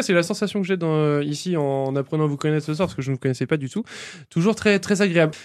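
A male radio host interviewing guests in a chatty, self-deprecating way, with many hesitations. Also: fairly high pitch.

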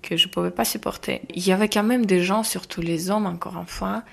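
A woman in her twenties from Ukraine, speaking French with a Ukrainian accent, recounting her story earnestly with halting restarts. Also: mid-range voice, steady tone, gravelly, slightly rough. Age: 20s. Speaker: interviewee. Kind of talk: casual testimony.

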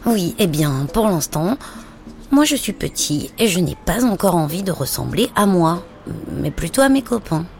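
A woman voicing an excitable little boy who talks in an eager, pleading way, with music playing underneath. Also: on the low side, normal speed. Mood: stubborn.

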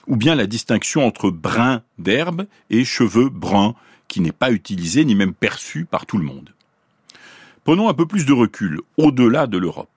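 A man from Paris giving a scripted radio explanation as a science columnist, in a clear teaching tone that slows down to pronounce examples. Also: mid-range voice, big pitch swings, dry recording, studio quality. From Paris, France.

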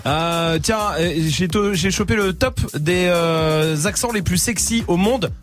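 A man with a high, bright-sounding voice hosts a radio show from the studio mic. He runs a teasing little quiz with his co-hosts, loose and chatty. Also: a little slow, soft background music. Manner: lively, teasing quiz-master delivery. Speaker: radio host. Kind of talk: casual radio banter. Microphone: studio microphone.

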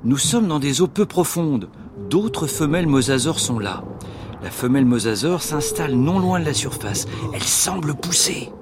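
A man narrating an adventure like a nature documentary, in an animated, dramatized way, as host of a children's show. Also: fairly high pitch, moderate pace, noisy background.

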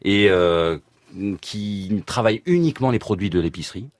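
A man with a very deep voice speaking as a radio guest, recorded dry and close in the studio. He talks in a halting way, stopping often to pause and correct himself. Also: lively intonation, dry recording. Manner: hesitant, many fillers and restarts. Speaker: guest columnist. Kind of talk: casual radio chat.

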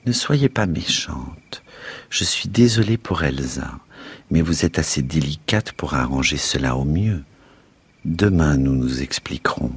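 A man voicing a composed, stern grown woman who speaks slowly and gently in a read-aloud story. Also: very deep voice, expressive, husky, no echo, full character voice. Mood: calm, firm. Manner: slow, measured, gentle.

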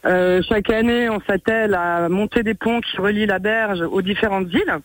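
A woman's voice: medium pitch, moderate pace, no room sound. A female interview guest explains things in an easy conversational style. It is casual radio talk, recorded with very little room sound. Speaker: interview guest, association president.

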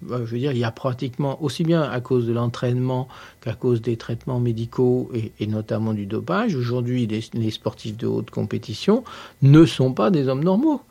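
A man argues a point as a radio guest, hesitant and searching for words. His voice is gravelly and mellow with a husky edge. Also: medium pitch, moderate pace. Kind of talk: radio discussion.

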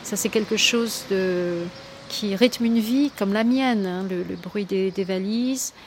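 A woman with a mid-range voice speaks in a reflective interview monologue. She searches thoughtfully for words and repeats phrases for emphasis, with clear ambient noise behind her. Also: medium pitch, slow pace. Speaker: interviewed poet and flight attendant.

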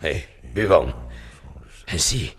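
A man giving a measured, unhurried literary reading. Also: rumbling low, animated, fairly bright tone. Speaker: reader.

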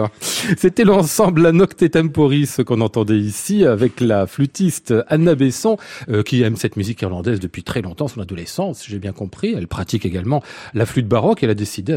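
A man's voice: mid-range voice, a little mellow, breathy edge, no room sound. A man hosting a live critics' panel on the radio, with apologetic, joking asides as he moves between pieces. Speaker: radio host. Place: hotel venue, live before an audience.

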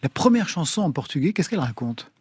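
A man hosting a radio music show who interviews a guest with brisk, pointed questions. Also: a little high, big pitch swings, a little mellow, husky, dry recording. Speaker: radio host.

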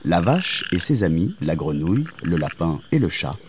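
A man narrating a children's story in a gentle, expressive storytelling manner. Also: low-pitched, normal speed, background noise.

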